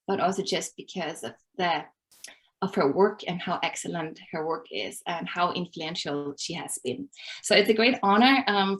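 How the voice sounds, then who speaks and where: Hesitant Austrian-born woman presenter. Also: medium pitch. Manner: thoughtful, with frequent hesitations. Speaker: landscape architect tour guide. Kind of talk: casual presentation.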